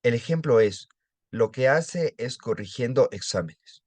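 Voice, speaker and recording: A man's voice: medium pitch, lively intonation, measured pace, a little mellow, no room sound. A man giving a class presentation, plainly listing word examples.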